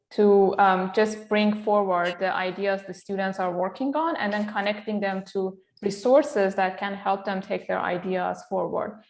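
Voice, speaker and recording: In this interview, the guest is an entrepreneur and lecturer from Iran who talks with a flat, even delivery. Her speech is measured and full of pauses and "um"s, her medium-pitched voice captured with a roomy sound.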